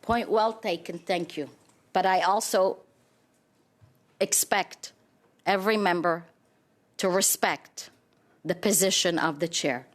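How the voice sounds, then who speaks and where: A woman's voice: fairly low pitch, slow, long pauses. A woman chairing a committee meeting, procedural and conciliatory.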